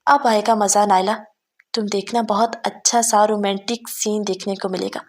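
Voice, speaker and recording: A woman's voice: medium pitch, fairly even intonation, a little mellow, close to an everyday voice. A woman voicing a mischievous young man who plays pranks at a wedding. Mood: teasing. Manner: mischievous, scheming asides. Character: teasing young man, a playful prankster cousin.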